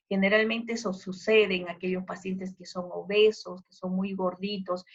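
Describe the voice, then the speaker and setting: A woman's voice: mid-range voice, a bit bright. A woman giving a medical lecture, explaining patiently, repeating phrases and checking that students follow. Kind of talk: recorded university lecture. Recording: dull lo-fi lecture recording.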